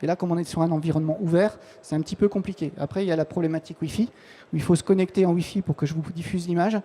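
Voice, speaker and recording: A man's voice: fairly high pitch, steady tone, very fast, dark tone. A man, a technical support manager, giving a live conference presentation on a trade-show floor, informal and full of restarts and fillers.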